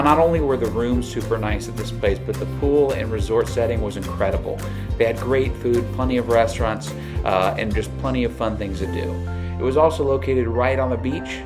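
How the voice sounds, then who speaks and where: A man's voice: medium pitch, moderate pace, over music. A man presenting like an upbeat, enthusiastic travel show host.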